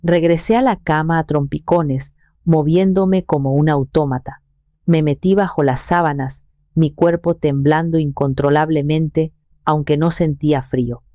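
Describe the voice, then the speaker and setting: Female narrator for a scripted first-person story; calm and even, mellow, dry read. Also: deep voice, unhurried, no room sound.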